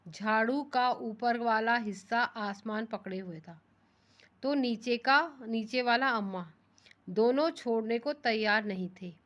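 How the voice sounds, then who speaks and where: A woman's voice: on the high side, a bit bright. A woman teaching young pupils, reading a children's story aloud and explaining each line in simpler words, with frequent questions to the class. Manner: rereads lines slowly then explains them in simpler words; asks the class rhetorical questions. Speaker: primary school teacher.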